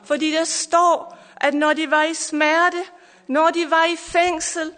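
A middle-aged woman preacher delivers a fervent, emotional sermon and testimony in a very high, a bit bright voice with little pitch movement. She repeats hallelujah, and her voice sometimes breaks with tears, with long reverb filling the church or camp meeting hall.

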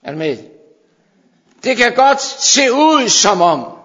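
A man preaching a fervent sermon to his congregation, sometimes dropping to hushed intensity. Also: extremely high pitch, very animated. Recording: dull sound in a long-reverb hall.

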